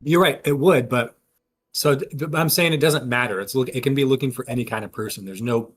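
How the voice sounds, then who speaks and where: Playing a tabletop game, a man reasons his way through a mystery at great length in a casual, analytical way. His mid-range voice is brisk, a bit bright, and husky.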